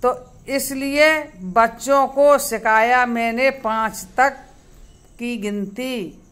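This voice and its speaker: A woman telling a children's story slowly and simply, stopping to ask the kids to count. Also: fairly high pitch, fairly even intonation, a bit bright, clear, resonant tone.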